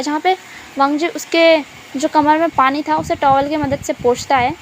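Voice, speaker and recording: A woman reading a fan-fiction story aloud in a plain, steady telling voice. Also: high voice, slight background noise, low-quality recording. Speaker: story reader.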